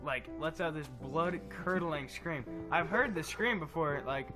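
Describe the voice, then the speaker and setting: A talkative young man trades trivia and laughs while playing a game, his voice sitting a little high. Loud game music plays behind him the whole time. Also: animated, unhurried. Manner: chatty, laughs often, explains trivia. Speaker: let's play co-host. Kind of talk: casual gameplay chat.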